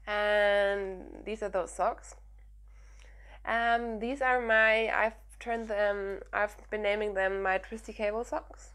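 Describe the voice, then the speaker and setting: A young woman from Germany hosting a knitting podcast, talking casually and energetically with lots of "um"s, her voice croaky from hay fever and sniffles. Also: medium pitch, slow pace. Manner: chatty and energetic, frequent "um"s. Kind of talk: casual chat to camera.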